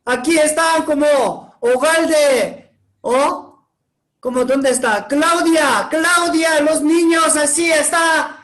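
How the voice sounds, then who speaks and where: A man preaching as a pastor to children, speaking slightly broken Spanish and slowly calling on groups of children to shout back. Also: extremely high pitch, steady tone, echoey room, poor audio. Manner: slow, encouraging, calls on groups of children.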